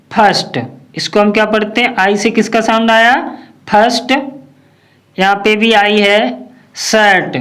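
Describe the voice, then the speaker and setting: Very slow-paced phonics teacher. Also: medium pitch, a bit bright. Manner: slow, drilling questions and repeating each word. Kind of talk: phonics lesson.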